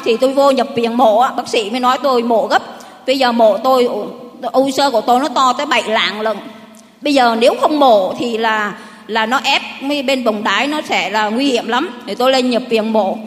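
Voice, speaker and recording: Lady, middle aged, high voice, rambly heartfelt church testimony. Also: brisk. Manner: rambling, heartfelt storytelling with many restarts. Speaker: parishioner giving testimony. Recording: long hall reverb.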